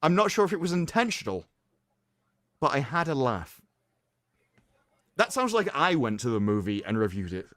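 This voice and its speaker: Theatrical and sing-song, a man hosting a livestream performs a mock-solemn dramatic reading and slips into sarcastic asides, his pitch swinging widely. His pace is moderate with long pauses, and his slightly bright voice is captured close in a very dry recording.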